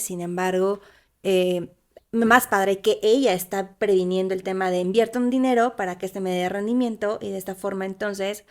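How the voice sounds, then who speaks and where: Chatty woman explaining finances. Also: medium pitch. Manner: explanatory, conversational, many fillers like "o sea". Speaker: podcast co-host, financial advisor. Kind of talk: casual podcast chat.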